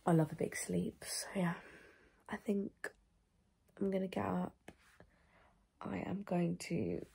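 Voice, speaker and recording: Chatty young woman with a gravelly, husky voice. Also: lowish voice, steady tone, takes it slowly, dark tone. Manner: chatty, rambling, self-mocking. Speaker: vlogger. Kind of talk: casual vlog chat. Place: at home.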